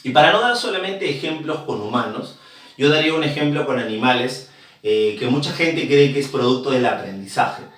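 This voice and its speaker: A male teacher lectures in a mid-pitched voice, explaining step by step and checking in with his listeners. He sits far from the mic in a very echoey room, so his voice rings with reverb. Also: expressive, normal speed, a bit bright. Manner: explanatory, full of rhetorical check-ins. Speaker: psychology teacher. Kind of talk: classroom lecture.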